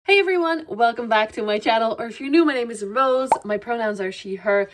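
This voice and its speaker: A woman's voice: on the high side, a little fast, noisy background. A woman from the Netherlands hosting a casual vlog house tour at home, slightly out of breath, chatty and self-deprecating with frequent laughs. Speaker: plant channel host. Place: at home indoors, walking between rooms.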